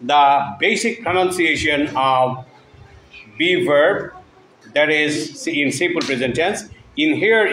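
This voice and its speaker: A male teacher leads a classroom drill, encouraging the children and prompting their answers. His voice sits a little high for a man. The room is echoey, with a faint ambient hum behind him. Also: a bit bright. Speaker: English teacher. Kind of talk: classroom lesson drilling students.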